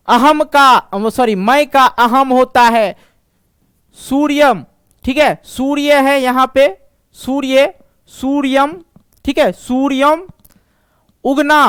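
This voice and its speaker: A male Sanskrit teacher giving an online lesson, patient and reassuring, repeating words slowly. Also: extremely high pitch, fairly bright tone, smooth, dry recording, clean studio sound. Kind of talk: online exam-prep lesson.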